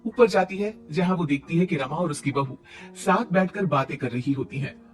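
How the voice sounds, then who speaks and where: A man narrating a scripted cartoon story in a plain, steady way. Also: on the high side, normal speed. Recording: distant mic, faint music.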